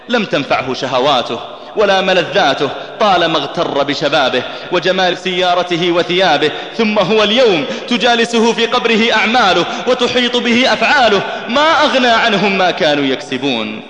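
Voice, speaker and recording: A man preaching an emotional sermon, telling stories with rising passion and chanting scripture in a melodic recitation. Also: a bit bright. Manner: impassioned, voice climbing high and tense at dramatic peaks. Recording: echoey hall with long reverb.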